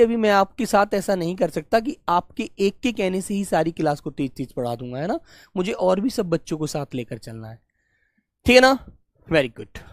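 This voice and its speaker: A man teaching a live online exam class in a patient, coaxing way. He repeats every question to his pupils and calls them "beta." He scolds them gently. His voice sounds close and dry, with no room sound around it. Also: sits high, no echo. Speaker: Hindi teacher.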